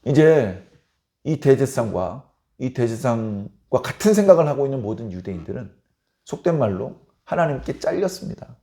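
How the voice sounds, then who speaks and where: Animated, emphatic preacher, a middle-aged man. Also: mid-range voice, normal speed. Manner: emphatic, rhetorical questions. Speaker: pastor. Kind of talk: sermon.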